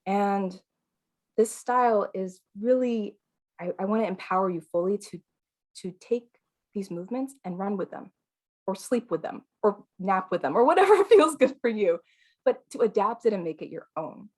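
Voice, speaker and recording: A non-binary qigong teacher whose voice sounds female leads a live online class. The tone is calm, soothing and chatty, with fillers and light laughs, at a medium pitch and normal speed.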